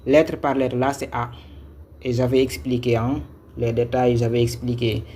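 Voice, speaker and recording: A man's voice: mid-range voice, little pitch movement, moderate pace, warm tone, slightly rough. A man teaching a live-streamed lesson on Quran reading, patient, repeating each step and checking if viewers follow. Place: Senegal.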